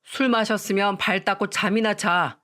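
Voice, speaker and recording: A woman's voice: mid-range voice, fairly even intonation, normal speed, a bit bright, close to an everyday voice. A blunt, scornful divorced man snaps short rebukes, voiced by a woman reading the story. The delivery stays curt and contemptuous, a radio-story scolding.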